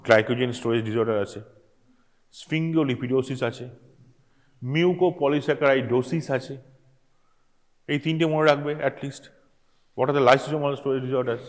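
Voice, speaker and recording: A man's voice: medium pitch, rapid-fire, long pauses, long reverb tail. A man with a Bengali accent giving a medical college lecture, quizzing students with rhetorical questions and joking asides. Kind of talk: classroom lecture mixing Bengali and English. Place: lecture hall.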